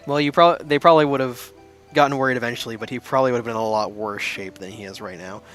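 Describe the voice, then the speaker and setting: A man reading a visual novel aloud in a casual let's-play, cracking jokes and laughing as he goes. His voice is bright and forceful, at a middling pitch, with faint music playing behind him. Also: quick pace. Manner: jokey, laughs often, reads game text aloud.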